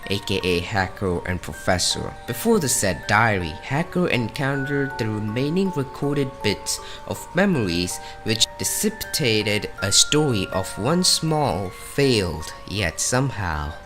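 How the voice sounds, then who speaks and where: A man narrates scripted game lore in a dramatic, animated way. His voice sits on the low side but swings widely in pitch for emphasis. Music plays clearly underneath him. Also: a little slow, hardly any pauses. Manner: dramatic, with rising and falling emphasis.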